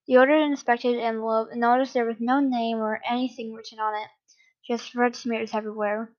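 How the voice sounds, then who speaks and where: A woman reading a fan story aloud in a casual, unpolished way, with the odd slip and restart. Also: a little high. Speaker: story reader. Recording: dull lo-fi recording.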